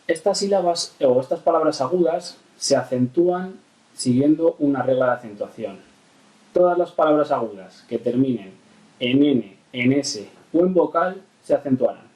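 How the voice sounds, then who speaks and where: A man teaches a primary lesson, patient and repeating key rules. His voice is mellow and a little dark. He sounds set back from the mic in an echoey room. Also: medium pitch, recorded from a distance. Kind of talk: explanatory lesson narration.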